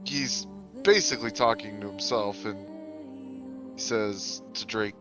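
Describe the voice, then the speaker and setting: A man's voice: on the low side, a little slow, music in the background. A man playing a tabletop game, chatty and explaining his character's moves, often correcting himself. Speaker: player.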